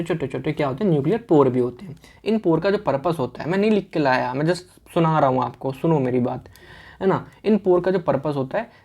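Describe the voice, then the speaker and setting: A man giving an online medical lecture in a casual, fast way, asking questions and answering them himself and repeating key words. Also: fairly high pitch, a little mellow. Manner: casual, fast-talking teacher.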